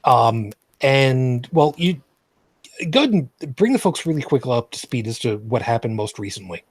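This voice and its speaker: In a dry recording, a man with a medium-pitched, slightly rough voice and lively intonation speaks at normal speed. As main host of a live vlogcast, he chats casually and often sarcastically with co-hosts, rambling, leaning on fillers, and repeating or restarting phrases.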